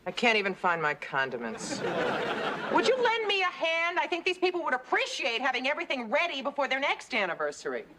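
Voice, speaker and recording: A sardonic woman in her late thirties complains in a glum, dry tone. Her pitch still moves a lot from line to line. A clear hiss sits under this old TV recording. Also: huge pitch swings, brisk, a crowd in the background. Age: 30s. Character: gloomy, sardonic woman turning thirty-nine. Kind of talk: sitcom acting.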